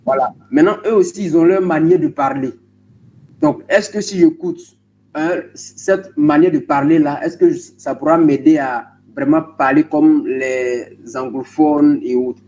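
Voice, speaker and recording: A man's voice: fairly high pitch, measured pace, a little mellow. A man in a group video call politely asking the coach a question, hesitant with many fillers. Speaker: coaching participant. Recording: dull call audio with faint noise.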